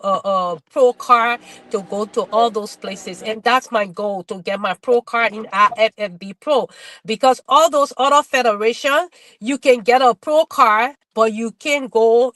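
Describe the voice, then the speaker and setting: A middle-aged woman from Liberia talks casually as a webinar guest, her voice sitting a touch high. She stumbles and restarts often as she gathers her thoughts. The sound is dry and close. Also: a bit bright, dry recording. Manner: halting, repeats words and restarts often. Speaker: guest bodybuilder.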